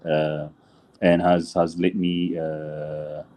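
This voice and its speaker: Middle-aged man, very deep voice, warm dark tone, halting speech with many fillers, video call chat. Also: little pitch movement. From Ethiopia. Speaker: musician and music teacher. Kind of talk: casual interview chat.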